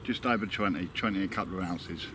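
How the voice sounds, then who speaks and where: A man's voice: low-pitched, fast. Teasing man, off-mic outdoors. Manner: dry, teasing banter. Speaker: fishing friend. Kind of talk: casual chat. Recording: loud outdoor noise, from a distance.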